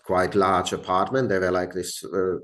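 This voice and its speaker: A middle-aged man with a non-native English accent tells his story in an informal lecture, very hesitantly, with many filled pauses and repeated words. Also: sits low, little pitch movement, fairly bright tone. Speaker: speaker giving a talk, art collector.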